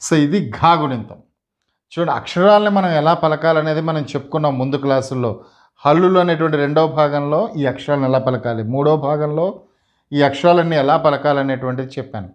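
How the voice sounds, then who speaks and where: A man giving a slow lesson, sounding out each syllable and repeating it for learners. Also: on the high side, muffled recording. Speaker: Telugu teacher.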